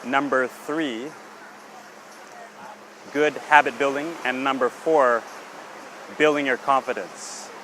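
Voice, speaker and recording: A man's voice: mid-range voice, fairly even intonation, slow pace, pauses often, pushed and bright, a little hiss or hum, low-quality recording. A man hosting an English-learning podcast, explaining patiently and checking in often with "okay?". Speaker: English teacher.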